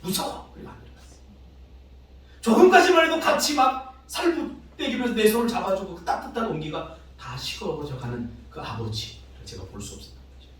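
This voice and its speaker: A male pastor preaching a sermon, telling stories with emotional swings between soft and loud. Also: very animated, fairly quick, slight background noise. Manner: emotional storytelling with dramatic swings in pitch and loudness. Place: church sanctuary. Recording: echoey church hall, distant mic.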